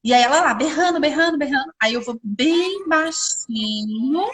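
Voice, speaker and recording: A Brazilian woman psychologist hosting a casual conversation, explaining with lively examples. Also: high-pitched, normal speed. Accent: Brazilian Portuguese. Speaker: psychologist, host.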